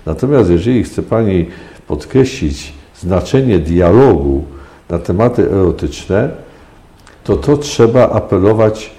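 Deep-voiced older man lecturing emphatically. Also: animated, measured pace, warm tone, roomy sound. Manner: lecturing, emphatic, with frequent hesitations. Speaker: sexologist guest. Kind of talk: radio interview answers.

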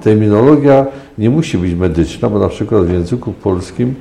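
Deep-voiced older man lecturing emphatically. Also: expressive, moderate pace, gravelly, dark tone, roomy sound, slight background noise. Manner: lecturing, emphatic, with frequent hesitations. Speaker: sexologist guest. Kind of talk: radio interview answers.

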